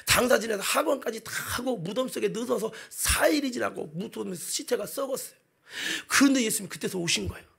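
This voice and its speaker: A male pastor preaches in church, impassioned and chatty, shouting out his key lines. His voice is high, gravelly and husky. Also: brisk. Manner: impassioned, shouting at peaks, colloquial asides. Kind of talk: sermon.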